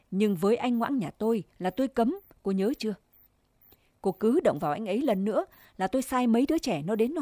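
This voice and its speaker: Woman voicing a jealous village wife, sharp scolding, mellow warm tone, dry close sound. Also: mid-range voice, no room sound, natural voice. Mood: stern. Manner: sharp, scornful berating.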